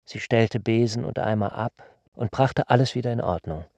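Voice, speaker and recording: A man narrating a literary radio play in a calm, measured storytelling voice. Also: mid-range voice, vocal fry, no room sound, dull audio.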